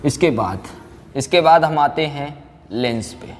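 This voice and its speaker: In a very reverberant room with background noise, a science teacher lectures a physics class, asking questions and then answering them himself. His voice is a little high, expressive and slow.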